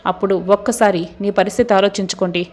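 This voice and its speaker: A woman's voice: mid-range voice, fairly even intonation, fast talker, a little mellow, natural voice. A woman voicing a firm, protective young woman who speaks sternly, as dialogue in a serial recap. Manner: stern, warning.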